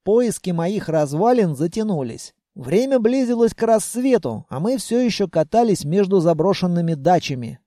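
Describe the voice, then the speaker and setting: A man's voice: high voice, sing-song, moderate pace, few pauses, warm tone, no echo, studio quality. A man narrating a first-person fantasy audiobook in a wry, ironic manner.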